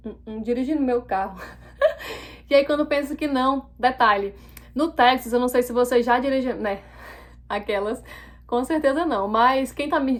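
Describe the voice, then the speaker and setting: A young woman telling a personal story in a casual, animated way, acting out the quoted dialogue. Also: fairly high pitch. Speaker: vlogger.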